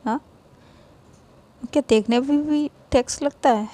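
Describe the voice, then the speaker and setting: A woman's voice: sits high, a little slow, dark tone, voice pushed up. A woman storyteller voicing a playful, doting young woman in love who teases her sweetheart with affection. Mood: teasing. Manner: teasing, affectionate.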